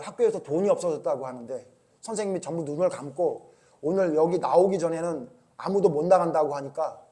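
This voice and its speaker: Emphatic high-voiced Korean pastor preaching. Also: male voice. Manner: emphatic, swings between loud urging and low asides; asks the congregation questions and answers them. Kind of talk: sermon.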